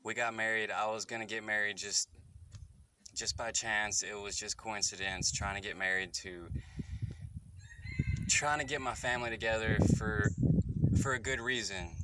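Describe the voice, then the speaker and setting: Low-voiced man rambling a candid confession. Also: steady tone, background noise. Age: 30s. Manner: rambling, halting and self-correcting. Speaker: vlogger. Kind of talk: candid personal confession to camera.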